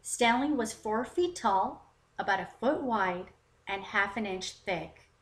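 A woman hosting a children's story time, narrating in an expressive, deliberate read-aloud style. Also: mid-range voice. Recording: roomy, echoing voice recording.

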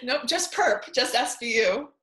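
A woman's voice: a little high, expressive, unhurried, bright, forceful tone. A woman co-hosting a podcast, reading out quiz clues and laughing often between them. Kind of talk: casual podcast game banter.

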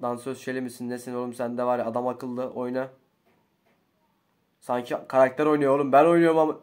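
A young man, commentating his own gameplay casually, slangy and excitable, swinging between low muttering and loud outbursts. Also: fast. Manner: slangy, swears often. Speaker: gaming YouTuber.

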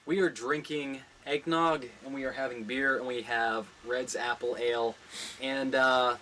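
A man's voice: medium pitch, steady tone, a little slow, bright, forceful tone. Drunk young man hosting, noisy background. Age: 20s. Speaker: comedy podcast host. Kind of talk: irreverent casual chat. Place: small indoor studio with green backdrop. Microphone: large desktop studio microphone.

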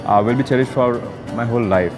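A man's voice: medium pitch, fast, music in the background. A reflective young male student from Banaras in an interview. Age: young adult.

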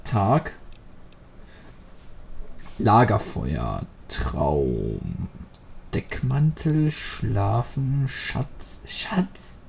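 Slow, gravelly Let's Play man. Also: on the low side, wildly swooping pitch, a little mellow, a little hiss or hum. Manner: rambling, jokey free association. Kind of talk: joking gameplay commentary.

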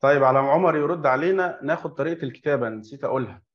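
A man's voice: a little high, racing, dull audio. A man with an Egyptian Arabic accent teaching an online English class to children. He explains in a chatty way, asks and answers his own questions, and has the class repeat words after him.

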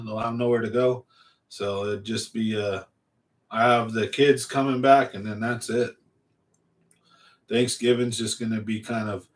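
A forty-year-old man rambles through a casual fishing livestream, answering viewers as he goes. He speaks at an ordinary pitch, close to a large studio mic in a small, cluttered room at home. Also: a bit bright. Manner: rambling, laid-back, reads and answers chat. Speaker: fishing channel host. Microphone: large studio mic on a stand in front.

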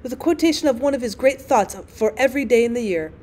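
A woman reads the part of a weary, tart wife from a classic storybook, using a fairly high, mellow, natural voice. She speaks fast with lively intonation, and the character's wry, formal phrasing and practical impatience come through in a matter-of-fact mood.

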